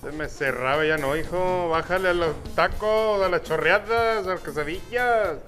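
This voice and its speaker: A man's voice: high-pitched, moderate pace, fairly bright tone. A young man co-hosting a TV music show, joking and self-mocking in banter. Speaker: TV show co-host. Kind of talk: comic studio banter. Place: TV studio set. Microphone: lapel mic.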